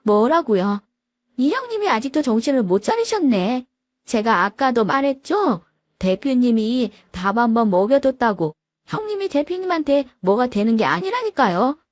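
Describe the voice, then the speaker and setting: A woman voicing a spiteful young female lawyer who talks down to her sister-in-law with shrill scorn. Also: very animated, normal speed, no echo, studio quality. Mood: sneering.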